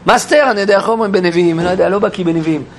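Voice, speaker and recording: A man teaching a Bible class in an animated way, questioning his listeners and acting out quotes. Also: sits high. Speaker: Torah teacher. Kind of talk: lively Bible class lecture.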